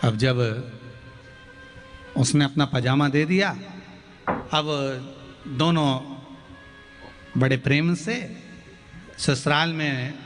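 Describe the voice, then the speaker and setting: A man's voice: on the high side, drawn-out words, pauses often, faint music behind. A man telling a folksy devotional story as a sermon, acting out the characters' voices. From India. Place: large outdoor pilgrimage tent.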